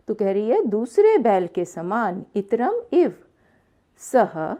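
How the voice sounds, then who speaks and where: A woman's voice: mid-range voice, warm tone. A woman teaching a textbook lesson, reading each line aloud and explaining it phrase by phrase, repeating words as she goes. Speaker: Sanskrit teacher.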